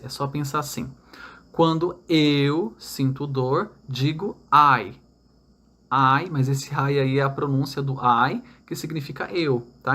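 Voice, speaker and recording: A man with a Brazilian accent teaching a recorded online lesson, explaining step by step, slowing down for example sentences and often checking in with "tá?" and "né?". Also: medium pitch, sharp tone. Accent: Brazilian Portuguese. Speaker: English teacher.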